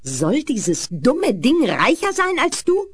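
A woman's voice: high-pitched, huge pitch swings, slow pace, slightly rough, no echo, full character voice. A woman playing a scheming, commanding mother in a children's fairy-tale radio play. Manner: commanding, scornful.

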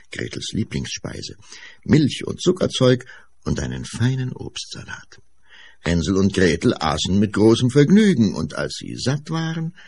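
A man narrating a fairy-tale radio play in a slow storytelling manner. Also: low voice, vocal fry, slightly rough. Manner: slow, storytelling, lively emphasis.

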